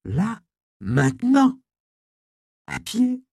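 A man's voice: sits high, wildly swooping pitch, drawn-out words, creaky, darkish tone, no echo, clean studio sound, pitched above the performer's own voice, heavily acted. A man doing a jittery young apprentice. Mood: anxious. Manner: anxious, pleading questions. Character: fearful young male apprentice.

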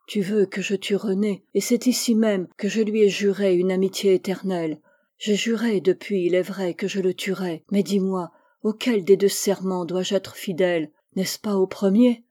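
A woman's voice: mid-range voice, steady tone, normal speed, warm tone, close to an everyday voice. A woman voicing a torn, anguished young male warrior in a storybook reading, speaking with passion. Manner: impassioned, pleading speech.

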